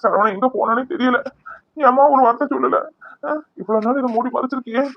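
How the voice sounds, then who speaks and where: A man voicing a worried older father-in-law who pleads and reproaches gently in a cartoon serial. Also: very high voice, steady tone, brisk, vocal fry, no echo, dull audio, full character voice. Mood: reproachful.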